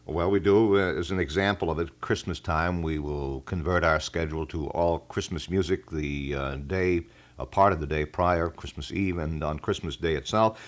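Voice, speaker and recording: A deep-voiced American man hosts a local radio talk show from a studio, speaking at normal speed with fairly even intonation. His style is that of a formal, wordy, old-fashioned announcer.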